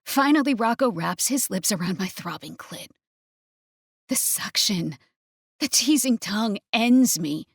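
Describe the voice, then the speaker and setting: A woman narrating a first-person romance audiobook in a breathy, intimate manner. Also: medium pitch, expressive, a little slow, no room sound, studio quality.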